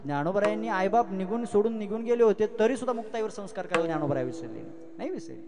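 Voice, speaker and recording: A man preaching a devotional sermon as a storyteller, dramatic, swinging between soaring loud lines and soft asides and questioning his audience directly. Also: sits high, animated, very fast, crowd noise. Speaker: kirtan preacher. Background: music.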